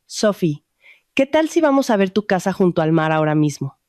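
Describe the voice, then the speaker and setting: A woman's voice: fairly low pitch, normal speed, dry recording, clean studio sound. A woman voicing a playful, joking young woman friend in a storybook reading, speaking in a teasing way. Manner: teasing, lively.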